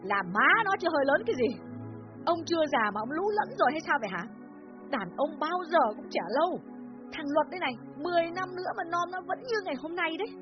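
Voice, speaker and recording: A woman voicing a domineering older mother in a dramatized audiobook, scolding sharply. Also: very animated. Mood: furious scolding. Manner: scolding, shrill, rapid-fire. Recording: dull lo-fi with faint music.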